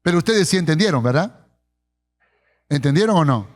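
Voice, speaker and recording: A Peruvian pastor preaches to his congregation in a fairly high voice for a man. He tells stories and slows right down on the lines he wants to stress. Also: animated. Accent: Peruvian Spanish. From Peru. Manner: storytelling with acted quotes, slowing for emphasis. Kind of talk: sermon. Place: church.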